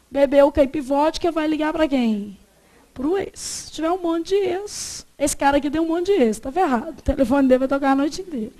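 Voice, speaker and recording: High-voiced Brazilian woman teaching grammar. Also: darkish tone. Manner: quizzes the class with questions, then answers them herself; dictates rules slowly, repeating each one. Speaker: Portuguese teacher. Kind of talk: classroom grammar lesson.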